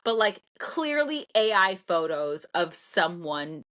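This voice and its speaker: Chatty woman podcast co-host, animated. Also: slow. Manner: animated, voice jumps high when indignant, many fillers. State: still tearful from laughing. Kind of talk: casual chat.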